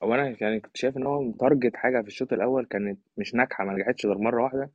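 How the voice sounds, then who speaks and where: An Egyptian man, an opinionated podcast guest, gives casual but emphatic football analysis in Egyptian Arabic. His medium-pitched voice is slightly rough and steady, and he talks very fast over a thin, phone-like, slightly roomy line.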